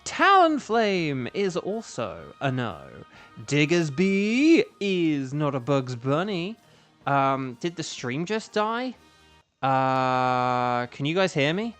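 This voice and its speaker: Echoey room, streamer rambling casually to chat, middle pitch voice, bit of music in the back. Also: sing-song, takes it slowly. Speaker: livestream host. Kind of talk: casual gaming livestream chat.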